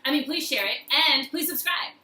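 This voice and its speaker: With a high-pitched, lively voice, a bit fast and bright with a forceful tone, the woman leads her motivational personal-growth video. She talks emphatically to camera and repeats phrases to press her message. Faint background noise and a roomy echo fill the recording.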